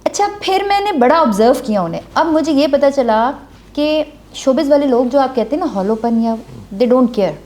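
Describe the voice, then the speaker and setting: High-voiced chatty woman from Kashmir. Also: animated, darkish tone. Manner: chatty anecdotal storyteller. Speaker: guest, former drama maker. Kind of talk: casual talk show conversation.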